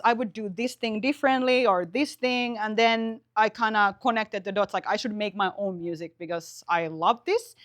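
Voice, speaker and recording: A woman's voice: fairly high pitch, fairly bright tone. Slangy young woman from Finland. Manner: slangy, filler-heavy, uses "like" constantly. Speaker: musician guest. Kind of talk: casual interview talk.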